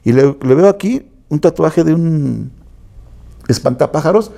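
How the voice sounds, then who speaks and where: A man's voice: fairly high pitch, lively intonation, a little slow, vocal fry, warm tone, slight background noise. A man with a Mexican accent telling stories in a casual interview, slangy and acting out other people's voices. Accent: Mexican, Mexico City area. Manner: slangy, acts out quoted voices, frequent tag questions. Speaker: tattoo artist interviewee.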